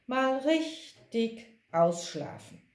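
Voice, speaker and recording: A woman's voice: fairly high pitch, expressive, drawn-out words, reverberant, pitched above the performer's own voice. A lazy badger, as a woman puts him on speaks in a raised, contented voice about sleep. The storybook figure sounds easygoing and self-satisfied. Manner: drowsy, contented.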